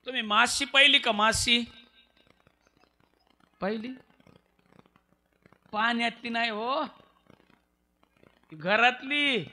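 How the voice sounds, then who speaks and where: A man's voice: high voice, sharp tone. A man preaching a devotional story sermon, teasing the audience and calling on them to answer back. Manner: teasing, conversational.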